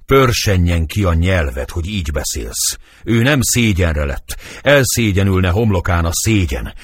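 A desperate young girl pours out grief and fury in dramatic verse, voiced by a man in his own low register. The voice is husky and swings widely in pitch. The sound is dry and close. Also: very animated, dry recording, heavily acted. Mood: anguished. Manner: impassioned verse reading. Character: young girl Juliet, passionate and anguished.

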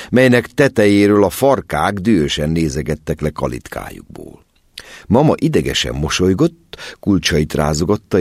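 A man narrating a story aloud as an audiobook, in an expressive storytelling manner. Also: extremely low pitch, creaky, husky, no room sound, clean studio sound. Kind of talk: scripted narration.

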